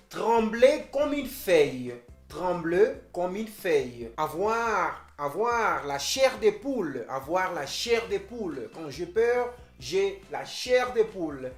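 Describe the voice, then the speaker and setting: A man teaching a French lesson who repeats example phrases and acts out how each one sounds. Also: high voice. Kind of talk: language lesson. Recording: roomy with faint music.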